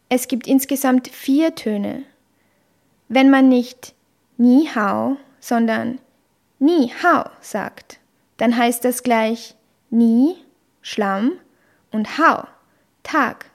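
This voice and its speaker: A woman giving an explanatory language lesson, deliberately sounding out syllables and tones. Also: a little high. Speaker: language teacher.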